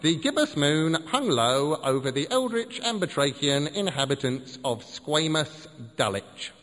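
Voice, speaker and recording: A man's voice: fairly high pitch, sing-song, measured pace, a bit bright, long reverb tail. A man voicing a ranting middle-aged male cult acolyte in a pub, with an indignant, matter-of-fact manner.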